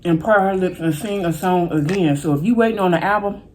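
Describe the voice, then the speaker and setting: In a mukbang vlog, a woman eats crunchy fried chicken while chatting to viewers in a folksy, colloquial way with drawn-out exclamations. Her voice is lowish and darkish, and the rough recording carries a slight hiss or hum.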